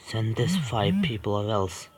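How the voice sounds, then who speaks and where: A jittery gaming streamer reads a horror visual novel aloud, his voice on the low side with lively intonation. He stumbles and halts through the text, breaking into scared outbursts at the game, while soft music plays in the background.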